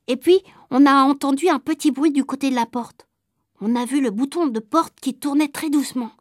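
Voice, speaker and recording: Woman reading a kids story, high voice, dry close mic, calm and lively. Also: dry recording. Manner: calm, lively storytelling that drops soft for suspense. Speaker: narrator.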